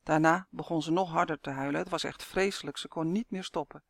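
A man reading a children's storybook aloud in a steady, gentle way. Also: fairly high pitch, fairly quick, creaky, no echo, studio quality. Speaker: narrator. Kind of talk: storybook narration.

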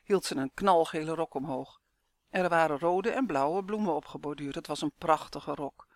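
A man narrating a storybook in a clear, even storytelling manner. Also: fairly high pitch, no room sound. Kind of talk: storybook reading.

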